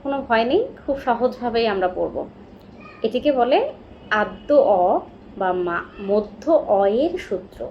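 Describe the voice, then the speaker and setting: Patient woman teaching pronunciation, high voice. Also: animated, measured pace. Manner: patient, coaxing, asks many check questions. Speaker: recitation teacher. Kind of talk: children's pronunciation lesson. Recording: roomy, dull, faint hiss.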